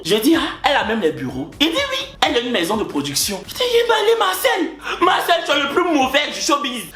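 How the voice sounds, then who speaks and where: A man's voice: high-pitched, bright, forceful tone. A man with an Ivorian French accent, a vlogger telling stories to camera in a playful, theatrical way with plenty of laughter. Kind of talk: casual storytelling to camera. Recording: roomy sound with faint music.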